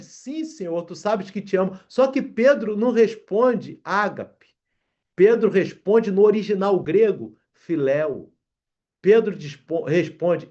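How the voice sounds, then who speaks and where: A man preaches a sermon, reading scripture aloud and addressing his congregation as brothers. His voice is high with a darkish tone, and the recording sounds lo-fi.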